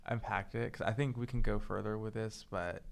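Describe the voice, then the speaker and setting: A young man co-hosting a podcast, talking casually and haltingly, restarting his phrases as he thinks. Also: fairly low pitch, fairly even intonation, vocal fry. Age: young adult. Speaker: podcast co-host. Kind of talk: casual chat.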